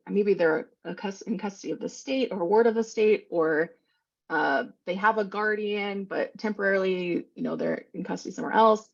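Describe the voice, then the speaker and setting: Gravelly woman explaining fast. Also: medium pitch, dull audio. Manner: quick, informal explaining with many fillers. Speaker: presenter on special education law. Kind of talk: online training presentation.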